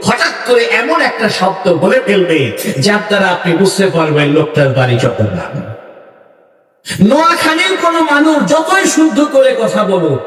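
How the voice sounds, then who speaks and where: Loud, lively Bengali preacher in echoey hall. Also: male voice, high voice, distant mic. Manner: emphatic, building lists, rising to loud declarations. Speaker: Islamic scholar speaking at a clerics' conference. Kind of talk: Bengali religious speech to a crowd. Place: large hall or outdoor stage with PA.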